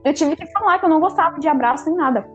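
Young female host, high and quick, chatty storyteller; lo-fi recording. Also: soft background music. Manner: animated, lots of fillers and quoted dialogue. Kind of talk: casual storytelling chat with friends.

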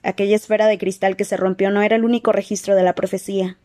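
Una mujer que lee un audiolibro y da voz a un muchacho mago sincero y agobiado, hablando con calma y seriedad. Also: female voice, mid-range voice, natural voice. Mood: serious. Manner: quiet, earnest, measured. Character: teenage wizard boy, earnest and burdened. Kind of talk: audiobook character voice.

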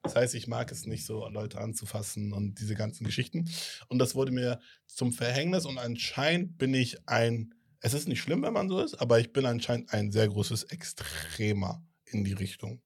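A young man co-hosting a casual podcast, talking in a blunt, teasing way full of slang. His voice is husky, and his pitch sits in the middle. He tells stories loosely, with plenty of restarts. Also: normal speed. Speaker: podcast co-host. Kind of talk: casual chat.

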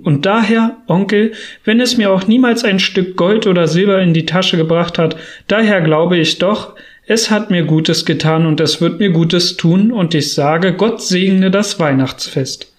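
A man's voice: high voice, natural voice. A man reading as an earnest, cheerful young man. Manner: pleading, heartfelt. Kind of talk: audiobook reading.

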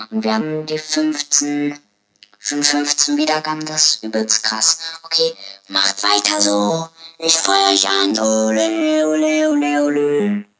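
A woman hosting a podcast in a disguised deep voice, talking in a playful, teasing way. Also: fairly bright tone, roomy sound, slight background noise, heavily acted, poor audio. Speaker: podcast host. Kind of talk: casual podcast announcement.

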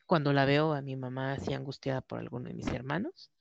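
On a dull, lo-fi, dry recording, a woman with a Mexican Spanish accent co-hosts a podcast in a casual, chatty way. Her voice is bass and creaky with fairly even intonation, and she talks quickly, telling stories and acting out the voices of people she quotes.

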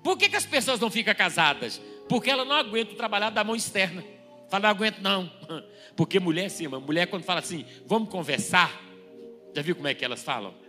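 A man in his forties, a pastor, preaching a lively, joking sermon in church at a fast, animated pace. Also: high-pitched, faint music behind.

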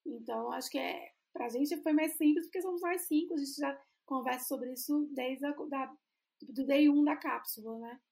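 A Brazilian woman chats casually as a podcast co-host, thinking aloud and circling back to reword herself. Her voice sits high and carries a gravelly edge of fry. She sounds like someone explaining her own work among colleagues. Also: normal speed, a little mellow. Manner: thoughtful, restarts phrases while searching for words. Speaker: podcast co-host, brand designer.

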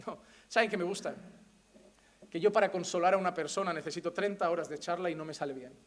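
A man with a Spain Spanish accent preaching a sermon as pastor, emphatic and animated, full of rhetorical questions. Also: sits high, fast talker.

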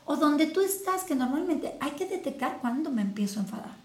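Calm reflective woman, roomy sound. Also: high voice, fairly quick. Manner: calm, reflective, explaining with everyday examples. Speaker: podcast co-host. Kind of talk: casual wellness chat. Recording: echoey room.

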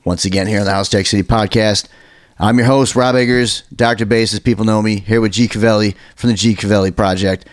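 A man's voice: fairly low pitch, steady tone, fairly quick, dry recording, clean studio sound. An American man hosting a casual podcast, chatty and informal, with emphatic, digressive talk. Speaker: podcast host.

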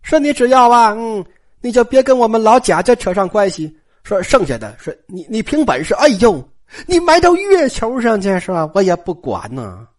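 Colloquial storyteller, very expressive pitch, chatty asides. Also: normal speed. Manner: animated, colloquial, asides to listeners. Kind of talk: traditional oral storytelling.

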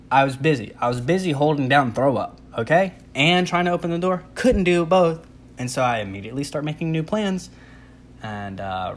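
A young man with an ordinary mid-range voice tells a comic personal story in a loose, casual way. He pokes fun at himself and acts out his own reactions. Faint ambient noise sits behind him. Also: medium pitch.

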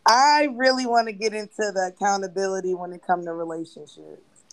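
A woman hosting a casual podcast chat, talking in a relaxed, slangy way and drawing out her phrases. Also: medium pitch, brisk, dry recording, low-quality recording. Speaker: podcast host.

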